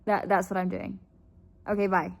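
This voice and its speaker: Young woman vlogger, chatty and animated, mid pitch. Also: normal speed, vocal fry. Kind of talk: casual vlog talk.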